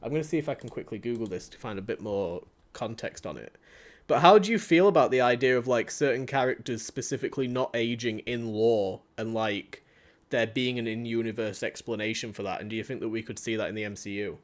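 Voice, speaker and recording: A man's voice: mid-range voice, fairly quick. Chatty Yorkshire man hosting a podcast. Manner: loose and chatty, heavy use of "like". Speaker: podcast host. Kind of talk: casual podcast chat.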